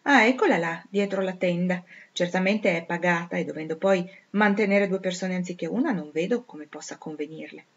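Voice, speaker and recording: A woman's voice: fairly low pitch, brisk, few pauses, highs cut off, natural voice. A woman reading aloud, voicing a haughty young noblewoman who speaks with scorn and chatters with disdain. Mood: scornful.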